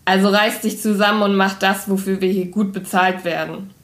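A woman's voice: medium pitch, little pitch movement, natural voice. A woman voicing a cold, stern female scientist who hisses her words sharply, in a storybook reading. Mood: scolding. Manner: hissing, clipped, slow.

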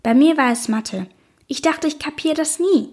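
A woman reading an audiobook, voicing a friendly, mischievous young woman who speaks in a warm, encouraging way. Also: high-pitched, normal speed, pitched above the performer's own voice, close to an everyday voice. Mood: reminiscing.

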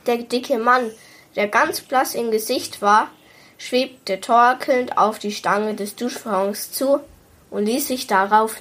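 A woman reading a children's story aloud in a calm, even way. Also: fairly high pitch, breathy edge.

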